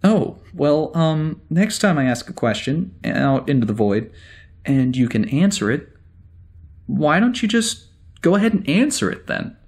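A man plays a wry, easily exasperated security officer in a sci-fi audio drama, speaking in a halting, conversational way. His voice is fairly high, sing-song and a little mellow.

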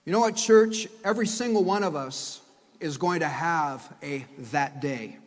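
A man giving a guest sermon at a pulpit microphone in a large church sanctuary. He builds from soft thanks to loud, emphatic preaching. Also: a little high, a little slow. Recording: long church-hall reverb.

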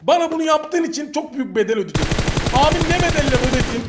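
A young man with a very high voice calls out a mobile shooter game as he plays it. He mocks and teases his opponents and keeps breaking into sudden loud shouts. Gunfire from the game stays clearly audible behind him. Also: lively intonation, fast, very noisy. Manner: teasing, playful trash talk with sudden outbursts at enemies. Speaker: mobile shooter gameplay streamer. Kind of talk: excited gameplay commentary.

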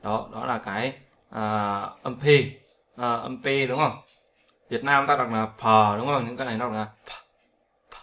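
In a casual Vietnamese-language lesson on English pronunciation, a man with a sharp, mid-range voice talks at a moderate pace and with fairly even intonation. He keeps repeating sounds as drills and regularly checks with "right?"

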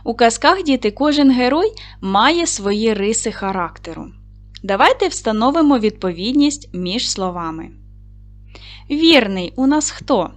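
A woman's voice: on the high side, big pitch swings, unhurried. Encouraging woman teaching young children. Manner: clear, encouraging, question-led. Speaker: primary school teacher. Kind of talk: reading lesson for children.

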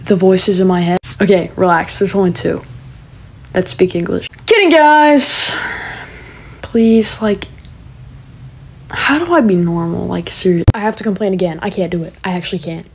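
A woman's voice: lowish voice, moderate pace, long pauses, a little hiss or hum. A teenage girl talking straight to camera in a casual vlog, ranting sarcastically and slipping into mocking voices as she tells stories. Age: teens. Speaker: TikTok creator.

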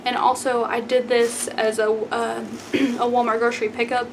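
A young Texan woman in her twenties, with a fairly high voice, does a casual grocery haul vlog to camera in a small, plain indoor room. Her chatty delivery is flat and at normal speed, sprinkled with "like" and "y'all." Clear room noise can be heard in the recording.

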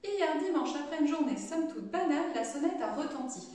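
Brief: woman teacher, a bit high-pitched, reading aloud expressively, recorded from a distance. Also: lively intonation, a little fast, a little mellow. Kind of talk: online home-school lesson. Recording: echoey room, distant mic.

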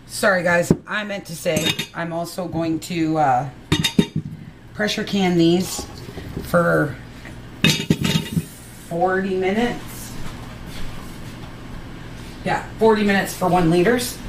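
A woman's voice: fairly low pitch, takes it slowly, long pauses. A woman vlogger in her home kitchen, chatting casually and explaining each step to her viewers. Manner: chatty, instructive, addresses viewers as guys. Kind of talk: casual how-to vlog. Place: home kitchen with electric glass-top stove. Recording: noisy kitchen with hissing steam. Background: steam and cooking sounds from a pressure canner.

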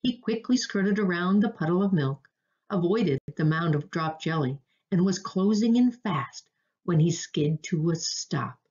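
A woman reads a children's storybook aloud with expressive storytelling. Her voice sits low, yet the pitch swings widely. The recording has a dull, lo-fi sound. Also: unhurried. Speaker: narrator.

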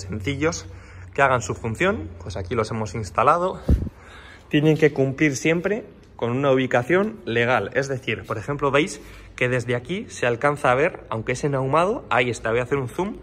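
A man with a mid-range, somewhat bright voice shows off a custom motorcycle he built, walking around it casually in an indoor workshop. Recorded on a handheld phone camera, he explains each part in detail as he points it out.

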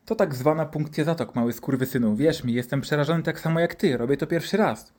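A man's voice: a little high, fast talker, a little mellow, close to an everyday voice. A man voicing a crude, drunk, boastful male doctor who swears constantly and swaggers.

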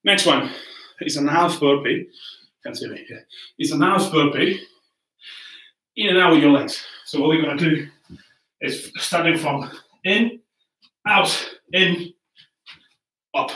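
A man's voice: fairly high pitch, sharp tone. A man coaching a home workout, cheerfully counting down and cueing each move while getting out of breath. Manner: upbeat, encouraging, counts down and cues moves while exercising. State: breathing hard between moves. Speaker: fitness coach. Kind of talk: live home workout instruction. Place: warm room at home, indoors. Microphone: laptop camera from across the room. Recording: roomy echo from a distant mic.

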